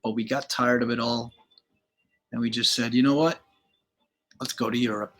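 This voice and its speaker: An older man from Galicia in Spain talks through his photos in a loose, rambling way. His voice is husky and sits at a middling pitch. He drifts into opinions and keeps the tone laid-back, often calling the listener "man". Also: fairly even intonation, normal speed, a bit bright. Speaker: channel host. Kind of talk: casual slideshow commentary.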